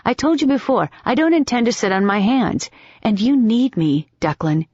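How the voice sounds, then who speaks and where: A woman's voice: fairly high pitch, sing-song, normal speed, darkish tone, slightly rough, no echo, pitched above the performer's own voice. A woman voicing a spirited, stubborn young woman who talks in a wry, teasing and determined way. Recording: dull, dry audiobook recording.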